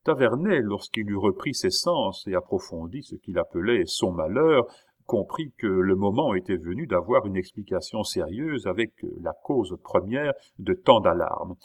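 A man narrating a classic novel aloud in a measured way, with the odd hesitation. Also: fairly low pitch, lively intonation. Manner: measured reading with occasional hesitations. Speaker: audiobook narrator. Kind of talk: literary audiobook narration.

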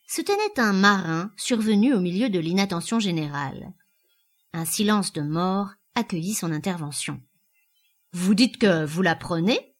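A woman narrating a novel as an audiobook, reading in a measured, even way. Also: mid-range voice.

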